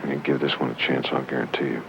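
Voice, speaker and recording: A man giving live golf commentary outdoors in a folksy, conversational way, often hushed near the putt. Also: very deep voice, level tone, fast, vocal fry. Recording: dull old broadcast, loud outdoor noise.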